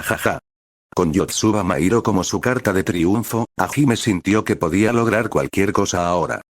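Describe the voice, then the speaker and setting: A man reading a story as narrator in an even, steady way. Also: deep voice, dry recording, studio quality.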